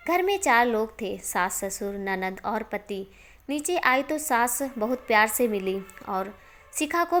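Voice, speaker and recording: A woman narrating a moral story in a steady, expressive storytelling manner. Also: fairly high pitch.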